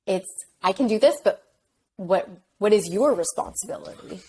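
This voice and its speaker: A woman's voice: medium pitch, expressive, moderate pace, darkish tone, breathy edge, low-quality recording. A woman who works as a life coach, talking reflectively and reassuringly as a podcast guest. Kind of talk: conversational podcast interview.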